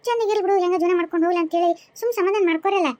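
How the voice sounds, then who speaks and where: Sly young daughter-in-law for a cartoon: high, quick, smug, North Karnataka accent. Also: female voice, a little mellow, no echo. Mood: teasing. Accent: North Karnataka Kannada. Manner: smug, teasing.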